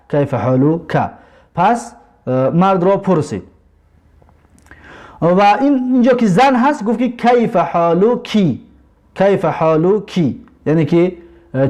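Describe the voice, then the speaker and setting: A man teaching Arabic, explaining a textbook dialogue with slow, repetitive explanations and drawn-out example words. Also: sits high, a little mellow. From Tajikistan.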